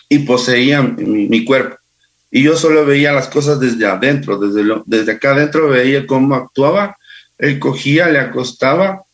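A man guest recounting personal experiences in a halting, unhurried way. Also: medium pitch. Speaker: interview guest. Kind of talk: personal storytelling.

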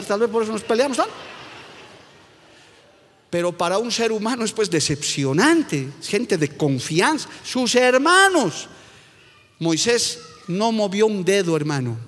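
A man's voice: high-pitched, fairly bright tone, big-room sound. A Bolivian man with a Bolivian accent, preaching a sermon as pastor, emphatic and constantly calling listeners brother.

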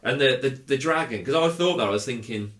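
A man co-hosting a film podcast, talking in a rambling, animated way and laughing often. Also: medium pitch, a little fast. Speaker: podcast co-host. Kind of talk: casual film review chat. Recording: roomy echo.

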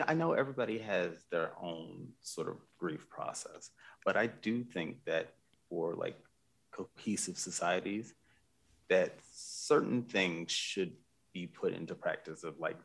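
Low gravelly man in earnest talk. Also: animated, unhurried. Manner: reflective, earnest, many restarts. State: choked up with emotion. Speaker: podcast co-host. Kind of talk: casual conversation.

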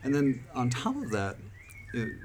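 A man's voice: mid-range voice, huge pitch swings, measured pace, darkish tone. A man hosting a podcast in casual chat on an outdoor deck, hesitant with many fillers and restarts. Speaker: podcast host. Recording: background noise outdoors.

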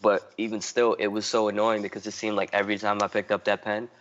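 A man talking as a podcast guest in a relaxed, loose ramble. His voice sits a bit low. He leans on "like" constantly, restarts his sentences and swears casually. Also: fast talker, dull audio. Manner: rambling, heavy use of "like" and restarts. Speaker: guest artist.

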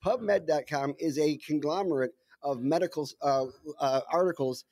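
A man's voice: a little high, normal speed, a little mellow, no room sound, clean studio sound. A man co-hosting a podcast as a scientist, wry and explanatory in casual chat over a video call. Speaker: scientist co-host.

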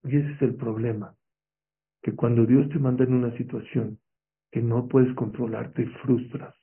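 A man delivers a motivational religious talk, pressing his listeners with rhetorical questions. His voice has a gravelly, rough edge. The sound is thin and narrow, like a phone line. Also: mid-range voice. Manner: emphatic, asks the audience rhetorical questions. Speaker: motivational speaker. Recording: tinny, phone-like lo-fi recording.

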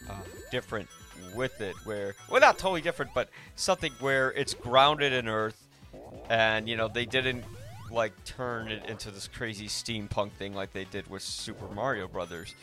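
A male podcast host with a lowish voice talks casually about films, rambling and offering opinions in an informal way. He speaks at a moderate pace, sounding pushed and bright, with soft music in the background.

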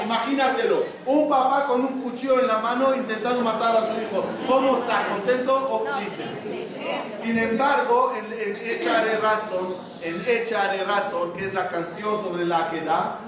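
A man teaching a religious class to a live audience as a rabbi, often questioning the listeners and then answering himself. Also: sits high. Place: large hall with an audience. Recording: very echoey hall, mic far off.

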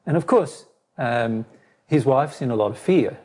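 A man losing his voice, a spiritual teacher, answers a personal question at length for a listener. His medium-pitched voice is husky and a little mellow, with lively intonation. He speaks in a measured way, repeating and restarting phrases.

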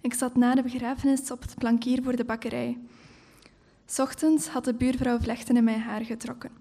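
Woman author, stage reading of her own prose, fairly high, mellow tone. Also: little pitch movement, moderate pace. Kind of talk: live literary reading. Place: stage at a live event.

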